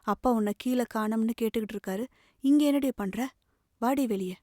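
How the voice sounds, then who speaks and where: A woman's voice: on the high side, fairly quick, no room sound, studio quality, close to an everyday voice. A woman reading as a stern scolding mother. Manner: sharp, scolding.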